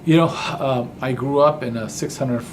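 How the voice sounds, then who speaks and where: A Pakistani business founder answers interview questions in a friendly way, often repeating words as he begins. His voice is medium in pitch and moderately paced, with a noisy background.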